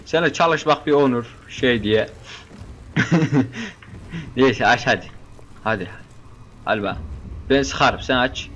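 An excitable young man commentates his way through a shooter game in a casual, joking manner, talking back to the characters and shouting when things get tense. His voice sits at an everyday middle pitch. Faint game sounds play behind him. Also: takes it slowly, long pauses, dull audio, slight background noise. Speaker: gameplay commentator.

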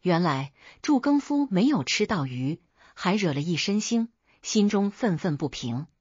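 A woman's voice: on the low side, sing-song, a little slow, darkish tone, husky, no echo. A woman narrating a scripted folk tale as a storyteller. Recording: dull lo-fi dry recording.

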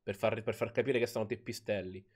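A man's voice: fairly low pitch, fairly even intonation, a little fast, darkish tone, a little hiss or hum. A man casually commentating a video game in a playful, joking way, explaining details to his viewers. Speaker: let's play host.

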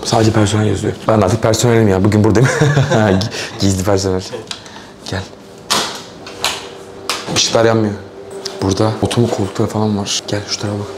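A young man vlogging as he explores a dark store, talking in a low, playful hush to the camera. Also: flat delivery, brisk, long pauses, noisy background. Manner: low hushed narration, playful. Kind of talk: hushed exploring vlog.

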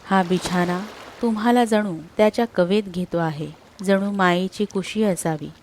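In a mid-range, slightly mellow voice, a woman narrates a scripted sleep meditation, soothing and unhurried, with long pauses between short phrases. There's a little background noise.

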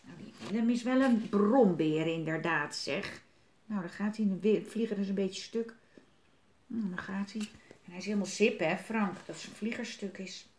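A woman's voice: mid-range voice, reverberant, a little hiss or hum. A woman reading a picture book aloud to children, chatting and asking them questions between pages. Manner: lively, chatty, questions for kids. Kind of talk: picture-book read-aloud with asides to the listener.

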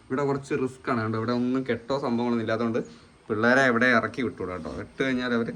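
A man's voice: medium pitch, fairly even intonation, very fast, a bit bright. A man filming a casual family vlog at home, chatting to his viewers as guys and often tagging his lines with "you know.". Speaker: family vlogger.

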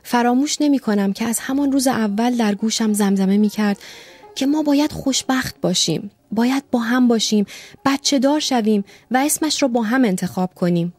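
A woman reading an audiobook, voicing an eager young male secretary who gushes with excitement. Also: on the high side, pitched above the performer's own voice, natural voice. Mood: gushing. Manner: gushing and breathless with joy.

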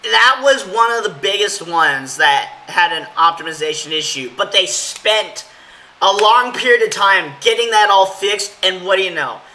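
Hoarse guy rambling about games, super bright edgy tone, bit of room hiss. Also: high voice, lively intonation, normal speed, rough recording. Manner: rambling, filler-heavy, opinionated. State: hoarse from yelling. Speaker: channel host. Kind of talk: casual gaming commentary.

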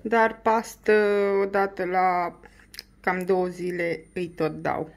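A woman filming a casual home vlog, talking to her toddler in coaxing, doting baby talk and signing off softly. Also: creaky. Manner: soft, low-key sign-off. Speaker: family vlogger.

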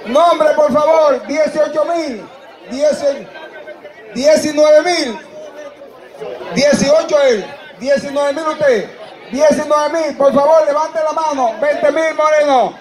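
A man with a Dominican Spanish accent working as a livestock auctioneer, loudly and insistently calling bids, repeating figures and urging buyers on. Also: very high-pitched. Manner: loud, insistent, projecting to a crowd. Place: open-air livestock show ring among a crowd. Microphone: public-address microphone, picked up by a spectator's camera. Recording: echoing outdoor PA with crowd around.

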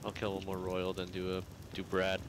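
A man with a lowish voice chatting loosely with his team during a game. His voice chat has clear noise running behind it. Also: monotone, moderate pace. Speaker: gamer on voice chat.

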